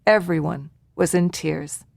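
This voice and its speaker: A woman narrating a documentary at a measured, reflective pace. Her pitch sits in a middle range, and the sound is dry and close to the mic. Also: gravelly, darkish tone, no echo.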